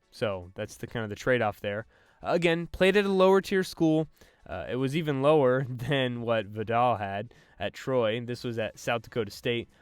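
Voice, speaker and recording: A man's voice: medium pitch, smooth, no echo, clean studio sound. A man hosting a sports podcast, breaking down draft prospects in a loose, casual way with lots of fillers and restarts. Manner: loose, filler-heavy delivery with frequent restarts.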